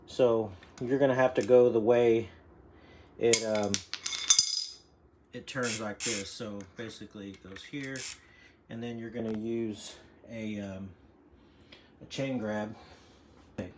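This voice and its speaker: A bike mechanic with a fairly low, steady voice demonstrates a repair in a casual how-to video, going slowly and pausing often over background noise. His explanation rambles and is full of fillers, and he breathes hard from leaning over.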